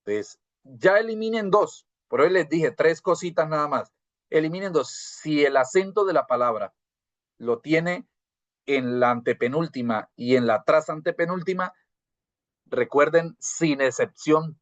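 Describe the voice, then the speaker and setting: A man's voice: fairly high pitch, no echo. A man giving a live online grammar lecture as a university teacher. He asks rhetorical questions, checks in with "¿cierto?", and often repeats and restarts words as he explains. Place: video call class. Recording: dry, slightly dull video call audio.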